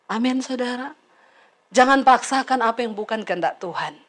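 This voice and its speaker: Lively, teasing woman pastor preaching. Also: a little high, normal speed. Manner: lively, teasing, addresses congregation directly. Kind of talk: sermon.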